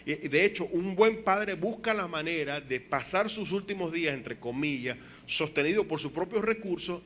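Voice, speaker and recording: A man in his fifties preaching a sermon as pastor, animated, with acted quotes and rhetorical questions to the congregation. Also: high-pitched. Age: 50s. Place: church.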